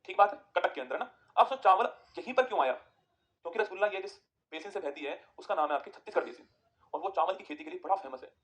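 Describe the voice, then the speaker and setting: A man teaching an exam-prep geography lesson, firing quick questions at students and answering them himself. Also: high-pitched, lively intonation, a bit bright.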